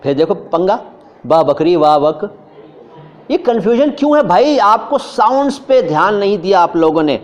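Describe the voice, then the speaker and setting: A man teaching Hindi and Urdu pronunciation in a lively lecture, drawing out syllables slowly and joking with his students. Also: sits high, muffled recording. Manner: demonstrates sounds slowly, repeats syllables, jokes with students. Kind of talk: lively classroom-style lecture.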